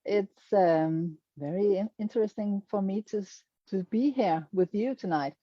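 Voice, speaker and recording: Speaking a little slowly at medium pitch, a middle-aged Danish woman presents her quilts online in hesitant English, with a Danish accent and frequent pauses to find words. The audio is dull and has no echo.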